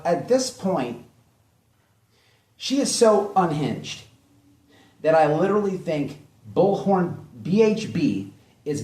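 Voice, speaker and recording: With a fairly high, slightly mellow voice, a man hosting online commentary mocks drama bluntly and opinionatedly, driving each point home by repeating it. He was recorded in an echoey room with the mic far away.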